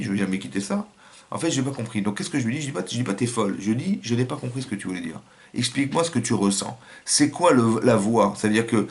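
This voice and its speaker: A man with a French accent giving a religious lesson as a rabbi, acting out little scenes and quotes in changing voices. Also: mid-range voice.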